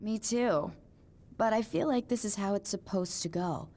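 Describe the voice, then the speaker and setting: The actress behind this talkative, eccentric new-age mystic, a motel resident who insists she's psychic, speaks at normal speed in a mellow mid-range voice close to how she'd normally talk. Her airy, breezy style suits the game cutscene.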